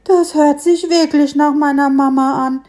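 A tearful little boar piglet from a storybook, squeaky and stammering through sobs. The voice sits very high and pushes forward. The tone stays soft and mellow. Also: female voice, steady tone, a little slow. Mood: hopeful. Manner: sobbing, stammering.

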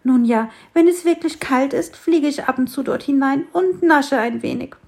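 Fussy little storybook sparrow, scolding, high; woman reads it. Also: moderate pace, creaky, darkish tone. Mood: chatty. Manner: scolding, fretful. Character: small grumpy excitable sparrow.

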